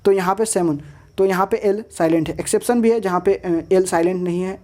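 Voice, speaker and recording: A woman teaching an English lesson, reading each rule out slowly, then listing example words. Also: mid-range voice, dark tone. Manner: slow deliberate reading of rules, then lists examples; switches between Hindi and English. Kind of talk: explaining lesson over slides.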